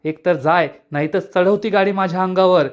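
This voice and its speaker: A man's voice: high voice, normal speed, close to an everyday voice. A man voicing an irritable young village man who snaps defensively. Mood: irritated.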